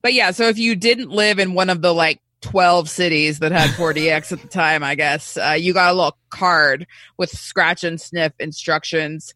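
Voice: medium pitch, steady tone, normal speed, hardly any pauses, sharp tone, no room sound. A podcast co-host chatting casually about a movie, sardonic and mock-indignant.

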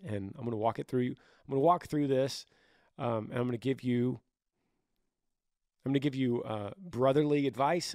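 Raspy, gravelly-voiced man, dry close sound. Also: mid-range voice, darkish tone, dry recording. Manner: earnest, brotherly, careful hedging with restarts. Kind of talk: reading a listener's email and replying with informal advice.

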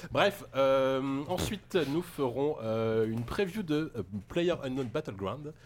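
A man's voice: mid-range voice, expressive, takes it slowly, slight background noise. A man hosting a podcast in casual chat, joking and reading listener messages aloud. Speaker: podcast host. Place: studio in Paris.

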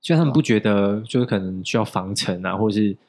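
Fast-talking Taiwanese host, teasing. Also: male voice, on the low side, a little mellow. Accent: Taiwanese Mandarin. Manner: teasing, quick follow-up questions and jokes. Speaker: podcast host. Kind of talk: casual chat.

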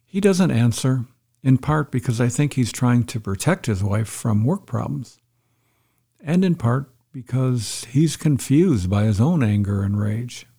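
A man giving a calm, reflective devotional talk as a pastor, retelling a story to make a point. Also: medium pitch, a little slow, slightly rough.

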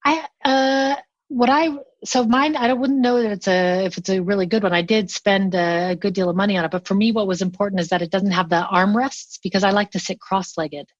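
In a muffled recording with no room sound, a woman with a mid-range voice talks a little fast as an interview guest. She teaches remote collaboration workshops and chats casually, sharing enthusiastic anecdotes.

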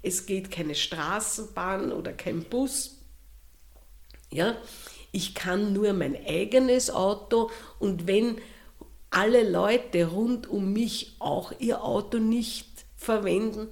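A woman with an Austrian accent, answering interview questions in a slow, thoughtful way with pauses and restarts. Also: medium pitch, darkish tone. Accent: Austrian German.

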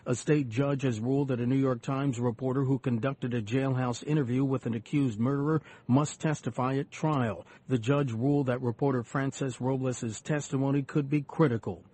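Mellow male radio news anchor. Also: mid-range voice, fairly even intonation, moderate pace, few pauses, poor audio. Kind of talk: scripted news reading.

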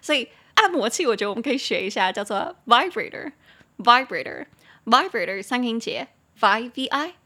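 A young woman from Taiwan teaches English on her podcast. Her voice is bright and sits a little high, and she keeps things chatty, giggles often and spells words out slowly letter by letter. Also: expressive.

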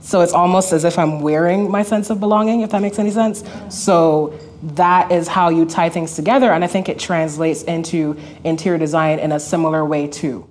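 A woman's voice: lowish voice, fairly even intonation, normal speed, few pauses, darkish tone, a little hiss or hum. A woman from Barbados, an interior designer, speaking reflectively and earnestly on a panel. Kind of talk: panel discussion.

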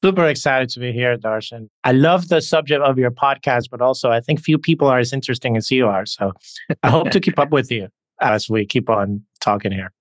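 A man's voice: medium pitch, fairly quick, no room sound. A man from the Dominican Republic, a podcast guest, talking earnestly and reflectively through personal anecdotes. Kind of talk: conversational interview storytelling.

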